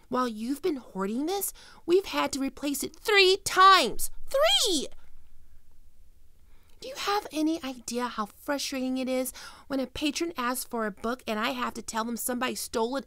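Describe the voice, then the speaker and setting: A young woman gives an expressive roleplay performance aimed at the listener, playing a high-energy, teasing fox-woman librarian. The recording has no room sound.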